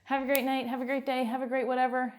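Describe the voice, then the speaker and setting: A young woman with a Canadian accent guiding a home workout, giving encouraging cues and calm stretching instructions. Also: high-pitched, fast, slight background noise. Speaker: fitness instructor.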